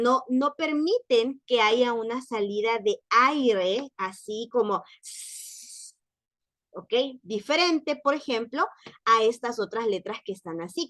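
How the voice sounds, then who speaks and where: Mujer profesora, habla lenta y paciente. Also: female voice, fairly high pitch, a bit bright, no room sound. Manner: slow and patient, repeats example words, checks in with "¿ok?". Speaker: French teacher. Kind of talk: online class lecture.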